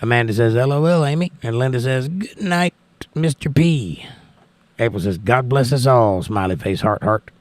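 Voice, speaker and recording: Hosting a livestream, this American man talks at a moderate pace in a crackly, medium-pitched voice, with no room sound audible. His casual live chat consists of reading viewer messages aloud, and he thanks and blesses people with folksy warmth.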